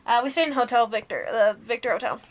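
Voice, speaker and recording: A young woman co-hosting a podcast, telling her ghost stories casually, laughing, swearing and going hushed at the spooky parts. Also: fairly high pitch, expressive, fast. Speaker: podcast co-host. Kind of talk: casual storytelling chat.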